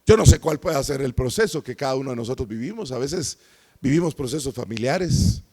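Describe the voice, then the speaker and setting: A man's voice: medium pitch, expressive, a little fast, darkish tone, slightly rough. A middle-aged man preaching a sermon, his delivery swelling and falling, and he acts out the voices he quotes. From Guatemala.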